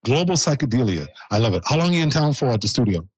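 A man's voice: mid-range voice, sing-song, rapid-fire, a little mellow, breathy edge, no room sound, highs cut off. A man hosting an interview with a band, joking and teasing in an upbeat way. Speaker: host. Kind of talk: playful broadcast interview.

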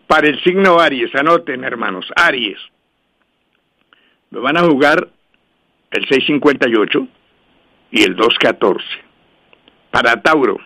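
A man's voice: medium pitch, pushed and bright. Man hosting a radio numbers show. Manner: brisk, repetitive, slows down to spell out numbers. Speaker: radio host and numerologist. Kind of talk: radio call-in show, dictating lucky numbers.

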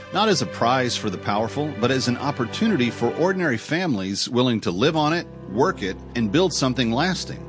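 A man reading a scripted history segment in a solemn, emphatic way. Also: medium pitch. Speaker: segment narrator. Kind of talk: scripted narration. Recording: music bed behind.

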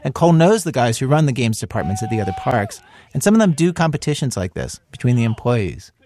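A man's voice: medium pitch, very animated, fast, a little mellow, a little hiss or hum. A man narrating a scripted radio story as a reporter, in a conversational style.

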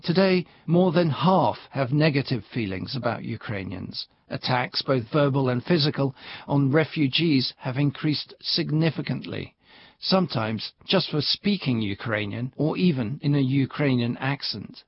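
A man narrates a news report in a calm, even voice of middle pitch. The audio is slightly dull. A faint ambience sits behind him. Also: moderate pace, slight background noise.

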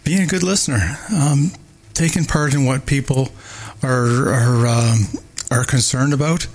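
Older man with halting, filler-heavy answers. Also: mid-range voice. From Barbados. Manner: hesitant, many fillers and restarts. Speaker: mayoral candidate. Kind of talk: interview answers.

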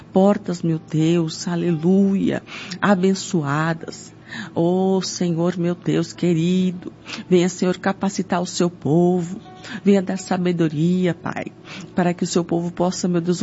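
Over music, a Brazilian prayer leader with a medium-pitched, darkish voice prays fervently in an extemporaneous evangelical style, pleading and repeating invocations. The recording has a dull, lo-fi sound.

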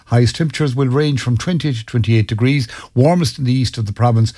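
A man's voice: medium pitch, fast talker, mellow, dry recording, clean studio sound. An Irish man presenting on radio, reading forecasts and programme links with some hesitant stumbles. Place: dry radio studio.

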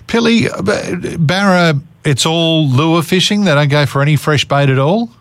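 A man's voice: fairly high pitch, lively intonation, normal speed, dry recording. A man with an Australian accent hosting a casual interview on the radio. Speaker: radio host.

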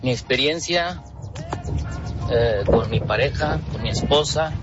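A man's voice: mid-range voice, unhurried. Male caller, earnest and reflective, muffled sound, music under.

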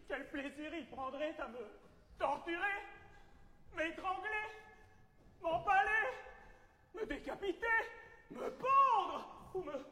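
In an echoing hall a frantic comic lover, hammy and melodramatic like B-movie acting. The very high, piercing voice declaims with drawn-out words. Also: male voice, pushed and bright, full character voice. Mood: dread, resolve. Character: frantic young male lover, bold yet cowardly schemer. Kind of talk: theatrical comic stage opera dialogue. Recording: echoey hall, reverberant, faint noise.

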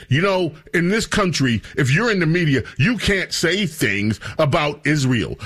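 Husky, animated male radio host. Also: a little high. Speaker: radio talk show host. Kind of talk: unscripted radio interview.

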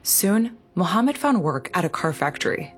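A woman's voice: fairly low pitch, big pitch swings, moderate pace, over music. A woman reading scripted documentary narration.

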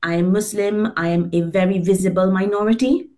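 Speaking in a mid-range, dark voice, this middle-aged woman from Singapore keeps a steady tone and a brisk pace. She's a guest on a remote interview, earnestly recounting her story over video call while using fillers and restarting sentences.

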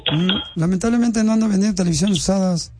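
A radio prank caller who poses as a utility official in a mock-official, needling and insulting way. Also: male voice, high-pitched, fast talker, music in the background. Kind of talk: prank phone call.

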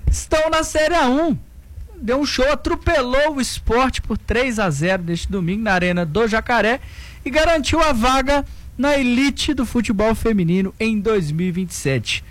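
Jovem apresentador esportivo de voz aguda. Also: male voice, very high-pitched, moderate pace. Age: 20s. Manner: lively, reads sports news between banter. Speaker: sports radio host. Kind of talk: sports talk and news reading.

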